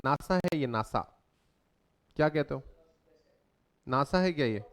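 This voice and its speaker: A male teacher gives a slow, deliberate lecture. His voice sits a little high for a man, and he keeps turning to his students with questions. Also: animated. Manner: conversational, quizzes students with questions. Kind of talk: lecture mixing Hindi and English.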